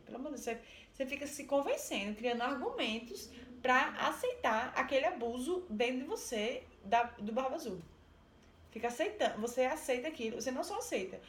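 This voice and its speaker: A woman's voice: high voice, slight background noise. Chatty Brazilian woman retelling a tale. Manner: chatty, animated, with many fillers. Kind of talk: casual storytelling and explanation. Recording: roomy echo.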